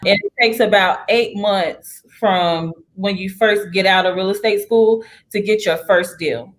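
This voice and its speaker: A woman's voice: medium pitch, unhurried. A young woman realtor in a casual career interview, talking in an upbeat, chatty way and laughing often. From United States.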